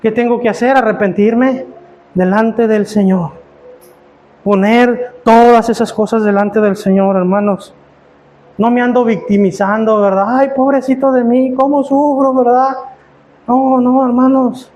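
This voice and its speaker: High-voiced man preaching. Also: fairly even intonation, unhurried, a little mellow. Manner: preaching with rhetorical questions and repeated "hermanos"; stumbles and repeats words when worked up. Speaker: pastor. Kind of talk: sermon.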